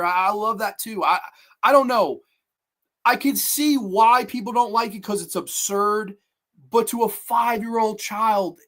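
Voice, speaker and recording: Profane, excitable movie-review host. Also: medium pitch. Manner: enthusiastic, profane, rambling, with frequent restarts; reads viewer comments aloud. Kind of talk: casual live-streamed movie review.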